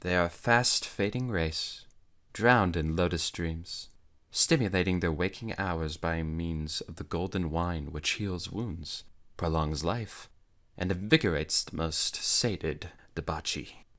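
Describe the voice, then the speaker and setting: A man voicing a languid, worldly young noblewoman who speaks of dread in a calm, matter-of-fact way for an audiobook. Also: low voice, slow, exaggerated voice. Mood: ominous. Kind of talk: audiobook character voice.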